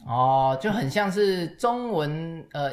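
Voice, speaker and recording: A man's voice: on the high side, animated, slow. A young man from Taiwan, co-hosting a casual podcast chat in an easygoing, agreeable way. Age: young adult. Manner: easygoing, agreeable, shares own story. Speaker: podcast co-host.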